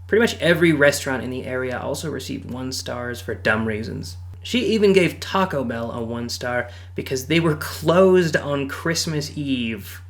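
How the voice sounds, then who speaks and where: A show host with a medium-pitched voice and vocal fry reads online posts aloud and jokes about them. His casual commentary is full of quick asides, and he often laughs between lines.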